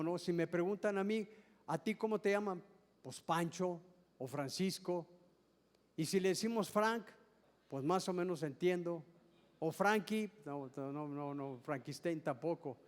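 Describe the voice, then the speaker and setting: High-voiced pastor preaching in a hall. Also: male voice. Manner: explanatory, asks the congregation questions; repeats and restarts words often. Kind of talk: sermon. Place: church service hall.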